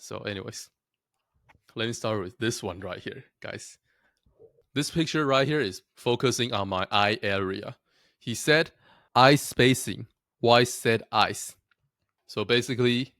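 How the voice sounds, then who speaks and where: A man's voice: lowish voice, a bit bright, dry recording, studio quality. A young man from Taiwan talking casually to his viewers, chatty and self-deprecating, often laughing at himself. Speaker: vlogger. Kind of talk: casual talk to camera.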